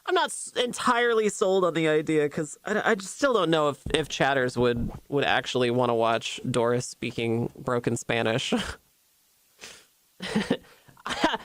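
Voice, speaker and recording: A man streaming and chatting casually, rambling and halting, laughing often at his own ideas. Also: on the high side, fairly bright tone, clear, resonant tone.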